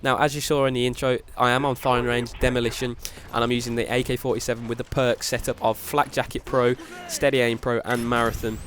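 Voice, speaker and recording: This is a young man commentating gameplay while he has a cold, so his mid-range voice comes out nasal. He delivers tips quickly and evenly, repeating "very, very", with a little hiss or hum and the game's gunfire and explosions in the background.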